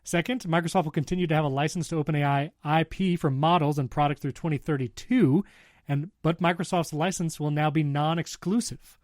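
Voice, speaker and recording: A man's voice: a little high, fairly even intonation, a little fast, a little mellow, dry recording, studio quality. A man co-hosting a casual tech talk show, chatting and laughing often as he reads out the news. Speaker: podcast co-host.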